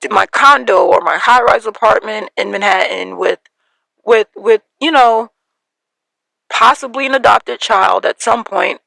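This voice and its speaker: A woman in her thirties shares a personal story on her podcast, her voice bright with a gravelly fry. She talks in an emotional, halting way, full of fillers and little laughs. The sound is dry and close. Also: medium pitch, no echo, rough recording. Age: 30s. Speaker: podcast host.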